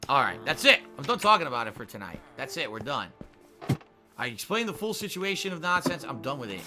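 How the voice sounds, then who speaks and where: A man's voice: medium pitch, sing-song, a little fast, over music. A man streaming a game, venting in frustration with heavy swearing and repeating himself as he reads out viewer tips. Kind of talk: casual live-stream chat.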